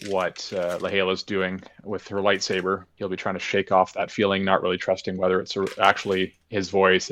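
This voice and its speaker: A man's voice: deep voice, a bit bright, a little hiss or hum. A man playing in a tabletop role-playing game, speaking hesitantly with fillers. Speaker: player. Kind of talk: casual tabletop role-play chat.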